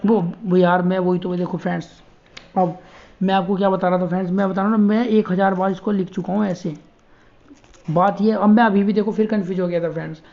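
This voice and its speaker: A man teaching spelling in a casual online lesson. He chats with viewers, calls them friends, and spells words out slowly letter by letter. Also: sits high, highs cut off. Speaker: online tutor.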